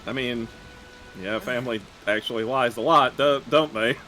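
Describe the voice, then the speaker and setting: A man's voice: mid-range voice, normal speed, background noise. A man giving casual, joking commentary over a video game. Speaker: gaming show regular.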